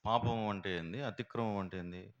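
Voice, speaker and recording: A man's voice: on the low side, fairly even intonation, normal speed, dull audio. A man preaching a sermon, telling stories and acting out bits of dialogue.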